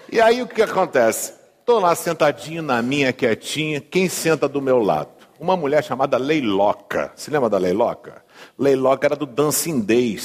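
A male pastor with a Brazilian accent preaching a sermon in a humorous, conversational way, often asking the congregation questions. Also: medium pitch. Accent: Brazilian Portuguese. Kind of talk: sermon with storytelling. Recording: long hall reverb.

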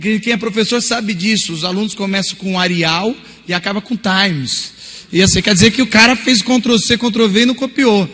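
A man preaches to a gathering in a church hall, telling his stories with animated swings between quiet asides and loud emphasis. His voice sits fairly high. A long reverb trails behind every phrase. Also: moderate pace. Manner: animated storytelling, lively shifts between hushed and loud. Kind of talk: sermon.

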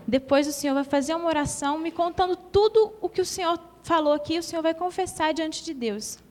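A woman's voice: very high voice, a little fast. A Brazilian woman giving an earnest, emotional testimony in a church hall. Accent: Brazilian Portuguese.

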